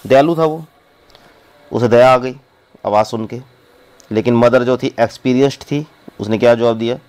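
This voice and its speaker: A man, teaching by reading a story aloud slowly and explaining it in quick, casual asides. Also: mid-range voice, darkish tone, rough recording.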